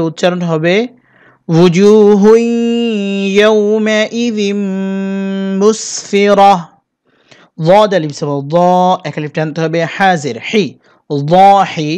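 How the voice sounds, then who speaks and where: Male Quran teacher, high-pitched, methodical spelling drills with slow chanted recitation. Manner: slow, drawn-out chanting when reciting whole words; patient, methodical instructions in between. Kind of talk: spelling out Arabic letters and vowels for learners.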